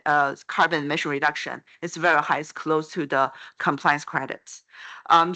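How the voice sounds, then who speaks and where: A panelist giving remarks on a conference panel, talking fast and loosely with self-corrections. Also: mid-range voice, bright, forceful tone.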